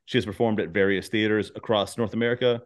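Speaking fast in a lowish, steady voice, this podcast host interviews guests, moving from scripted intros into relaxed, self-deprecating banter.

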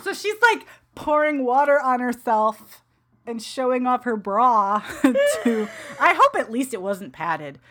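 A woman on a casual podcast, recapping a novel she loves. Her voice sits a little higher than most, and she talks with lively, profane energy, laughing through her retelling. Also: slow pace. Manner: animated, profane, laughs often while retelling. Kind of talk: casual book chat.

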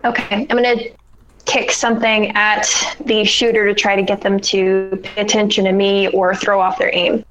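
A woman's voice: medium pitch, flat delivery, normal speed, a bit bright, a little hiss or hum, low-quality recording. A woman playing a tabletop game over voice chat, planning her move aloud. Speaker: player.

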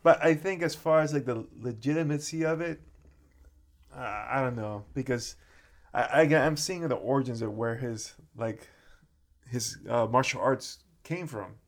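A man's voice: mid-range voice, moderate pace. A man talking in a casual conversation about martial arts, thoughtful and hedging, with many fillers.

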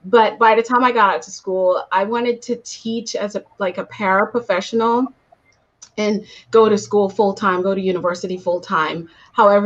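A woman from Guyana, a coach and motivational speaker, telling her story in a lively interview over a video call. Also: medium pitch, lo-fi sound. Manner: animated storytelling with laughs. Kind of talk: conversational interview answers.

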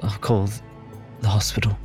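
A man plays a tabletop game in a fairly low voice. He switches between narrating and speaking in character, and stays animated throughout. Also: moderate pace, soft background music. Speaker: player. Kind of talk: casual tabletop play.

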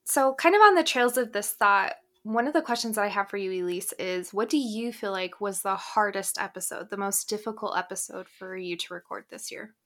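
A young adult woman co-hosts a podcast in casual, earnest conversation. Her pitch sits in the middle range for a woman. She fills her sentences with little fillers and breaks into light laughs now and then. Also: fairly quick, few pauses, fairly bright tone. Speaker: podcast co-host.

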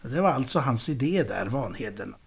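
Gravelly man retelling a film scene. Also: medium pitch, very animated. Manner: acts out characters' shouted lines while retelling. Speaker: podcast co-host.

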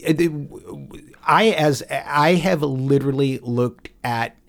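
Man, dictionary editor, casual chat, measured, explanatory. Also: mid-range voice, creaky. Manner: measured, explanatory, some hesitations. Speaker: podcast co-host, dictionary editor.

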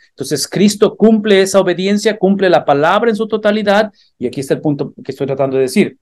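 A man's voice: a little high, a little mellow. A man teaching a church Bible class, earnest and explanatory, building emphasis through repeated phrases. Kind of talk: theological teaching.

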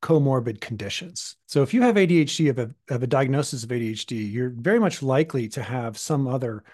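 Husky gravelly guy, hoarse from being sick, chatting on his podcast, dry close sound. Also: medium pitch, lively intonation, quick pace, a little mellow, dry recording. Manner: thoughtful, with frequent fillers and restarts. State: hoarse from a recent illness. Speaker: podcast co-host and coach. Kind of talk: casual podcast chat.

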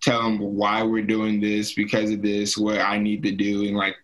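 A man's voice: lowish voice, monotone, moderate pace, poor audio. A young man, a college football player, talking casually on a podcast, laid-back and full of "like". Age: young adult. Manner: laid-back, heavy use of "like".

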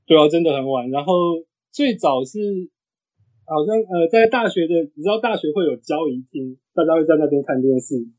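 A man in his thirties with a husky voice, chatting casually as a sports podcast guest. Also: on the high side, expressive, a little fast, darkish tone. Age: 30s. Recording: dull, lo-fi audio.

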